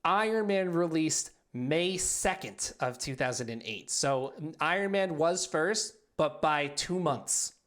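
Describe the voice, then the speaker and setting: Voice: mid-range voice, animated, slow, hardly any pauses, a bit bright. A game show host running a quiz casually, announcing answers and scores in a conversational way.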